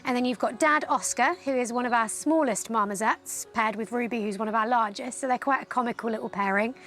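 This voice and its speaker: A woman's voice: fairly high pitch, fairly quick, a bit bright, faint music behind. A woman who works as a primate keeper, explaining things informally in a documentary interview.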